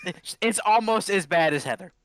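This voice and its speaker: A man's voice: sits high, expressive, moderate pace, fairly bright tone, no echo, studio quality. A man chatting casually as a player in a tabletop role-playing game. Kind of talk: casual banter.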